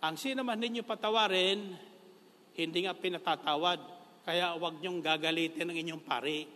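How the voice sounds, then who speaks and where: A man's voice: a little high, fairly even intonation, moderate pace, sharp tone, long reverb tail. A Filipino-accented man preaching a sermon in a jokey way, laughing often and slipping English phrases in.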